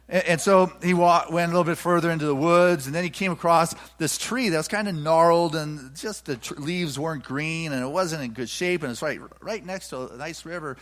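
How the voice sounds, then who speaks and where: A middle-aged male minister giving a sermon, telling a parable and acting out its characters with lively voices. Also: on the high side. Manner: animated storyteller, acts out characters. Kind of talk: sermon with storytelling.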